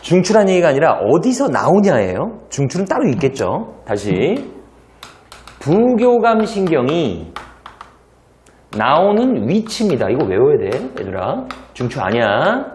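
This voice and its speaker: A male teacher giving a lively classroom lecture, telling stories with sound effects and acted dialogue and throwing rhetorical asides to his students. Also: medium pitch, normal speed, slight background noise. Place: lecture hall.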